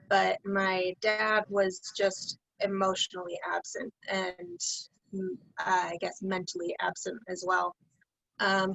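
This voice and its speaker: A woman panel guest recounts her upbringing in a reflective, matter-of-fact way. Her voice has a gravelly edge, and the recording is dry with no room sound. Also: mid-range voice, a bit bright, no echo, muffled recording. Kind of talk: personal testimony.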